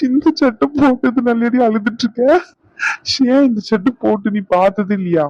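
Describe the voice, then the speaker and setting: A man's voice: very high-pitched, slow, a little mellow, no echo, lo-fi sound, full character voice. A man voicing a teasing, bossy young husband in a cartoon, scolding in banter. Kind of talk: cartoon voice acting.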